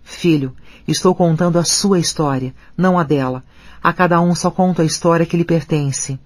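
A man voicing a great male lion who speaks slowly and gravely. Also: a little high, no echo, close to an everyday voice. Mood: solemn. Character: great male lion, deep, solemn and gentle.

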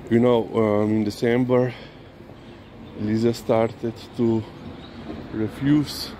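A man's voice: mid-range voice, level tone. A man chatting casually while walking his dog outdoors at night, filmed on a phone, talking to the viewer and now and then to the dog. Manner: slow, chatty, talks to his dog between remarks. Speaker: dog owner vlogger. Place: city streets at night, outdoors. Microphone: handheld phone camera filming while walking. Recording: faint street and traffic noise.

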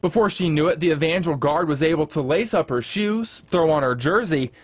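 A male reporter reading a scripted news feature in a measured storytelling delivery. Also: fairly high pitch.

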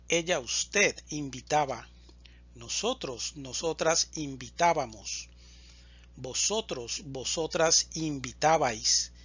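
A man teaching Spanish, slowly and deliberately reciting verb conjugations in a drill. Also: on the high side, a bit bright, slightly rough, no room sound, muffled recording. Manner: deliberate, enunciates each word.

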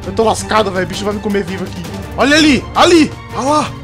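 A young man with a Brazilian Portuguese accent giving excited, slangy let's-play commentary and shouting at the screen. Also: high voice, quick pace. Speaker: gaming youtuber. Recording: game music playing under voice.

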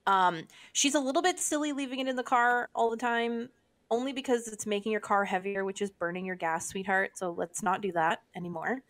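A woman's voice: mid-range voice, a little fast, fairly bright tone. A woman co-hosting a casual podcast chat. She talks bluntly and with lots of animation. She swears and jokes freely as she sounds off. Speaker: podcast co-host.

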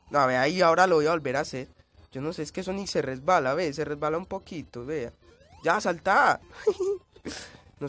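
A man's voice: fairly high pitch, a bit bright. A man giving gameplay commentary, coughing and sounding changed by a cold, yelping and screaming at in-game hazards. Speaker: let's play gamer.

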